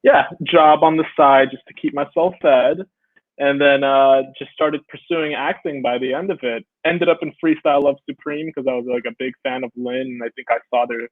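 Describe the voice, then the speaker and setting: Speaking at normal speed in a mid-range voice, a young Brooklyn native, from New York, is the guest on a casual video call, laughing frequently through his animated storytelling. The recording is dry, tinny and phone-like.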